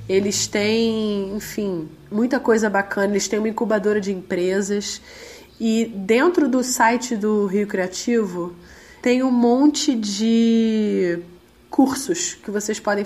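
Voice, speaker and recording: A woman with a Brazilian accent talks conversationally as an interview guest. Her medium-pitched voice is hoarse and a little duck-like while she recovers from laryngitis. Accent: Brazilian Portuguese. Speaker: interviewee, independent musician.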